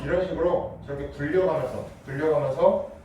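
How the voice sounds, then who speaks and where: A man's voice: on the high side, a little fast, heavy background noise. A man teaching a middle school history class, lecturing and asking his students questions. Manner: lively, asks students questions. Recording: echoey classroom from far off.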